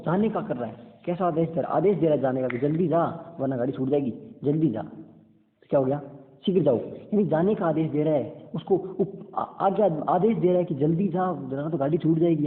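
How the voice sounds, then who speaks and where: Man, grammar teacher, animated and repetitive, fairly high voice, echoey room, phone-like sound. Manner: animated, repeats points and checks understanding. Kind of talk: exam-prep grammar lesson.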